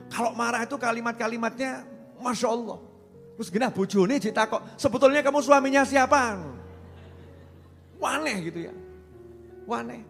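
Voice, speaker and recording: A man with a Javanese accent preaching a sermon, lively and joking, slipping into Javanese phrases. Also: high-pitched. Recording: reverberant hall with faint music.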